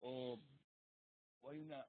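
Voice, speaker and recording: A man's voice: medium pitch, fairly even intonation, slow. A man asking questions as a student in a live online class, hesitant and searching for words. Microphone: video call. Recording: tinny video call audio.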